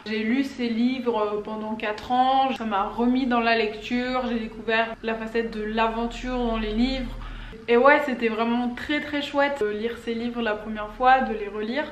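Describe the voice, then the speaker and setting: Young woman, casual vlog chat, slightly high voice, meandering, roomy echo. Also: fairly even intonation, measured pace. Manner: chatty, rambling, loses her train of thought. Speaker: book vlogger. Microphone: camera or phone on a stand. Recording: echoey room with faint background noise.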